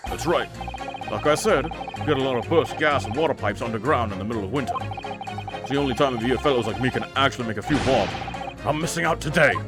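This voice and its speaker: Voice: medium pitch, fast talker, natural voice. A game player voicing a plain-spoken, working-class Victorian road labourer who talks in a chatty, folksy way. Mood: gruff, matter-of-fact. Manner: colloquial, folksy, tags like "see?" and "like". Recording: game music behind the voice.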